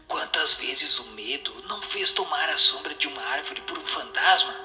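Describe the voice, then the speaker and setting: With music in the background, a man with a Brazilian accent reads out answers in a solemn, scripted, dramatized way. His voice sits a little high and has a sharp tone.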